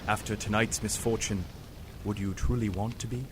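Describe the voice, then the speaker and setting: An actor playing a calm, authoritative professor, measured and formal, in a superhero audio drama. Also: male voice, fairly low pitch, slight background noise, close to an everyday voice. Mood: calm, reassuring. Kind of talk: fan-made superhero audio drama acting.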